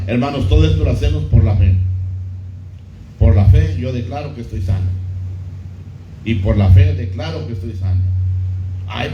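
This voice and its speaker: A middle-aged pastor preaching a sermon, who repeats key phrases and puts questions to the congregation. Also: male voice, mid-range voice, warm tone, slight background noise. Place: church hall. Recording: muffled echoey church recording.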